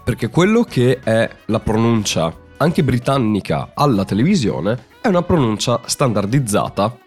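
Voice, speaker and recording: A man's voice: medium pitch, very animated, moderate pace, darkish tone, slightly rough, faint music behind. A young man from Italy hosting a podcast, explaining in a chatty way and laughing at himself now and then. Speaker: podcast host. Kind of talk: casual podcast monologue.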